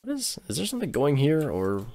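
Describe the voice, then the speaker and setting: With no echo, a fairly quick American male voice sits on the high side, darkish in tone and swooping wildly in pitch. He chats with viewers during a game livestream, rambling and often interrupting himself to restart or fix his words.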